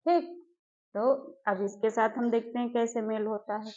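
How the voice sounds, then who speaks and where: Woman teacher, fairly high voice, slow syllable drills, dull lo-fi sound. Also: steady tone, a little mellow. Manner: slow, drawn-out syllable drills with repeated questions. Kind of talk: exam-prep grammar lesson. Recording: dull lo-fi recording.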